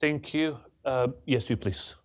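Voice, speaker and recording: Guy moderating the q and a, polite, bit halting, mid voice. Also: medium pitch. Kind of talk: moderating audience questions.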